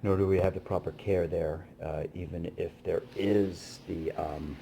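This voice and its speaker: A man's voice: low-pitched, measured pace, vocal fry, slight background noise. A man, a busking musician, telling stories casually to camera in a rambling way with many fillers. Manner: rambling, many fillers, animated when retelling.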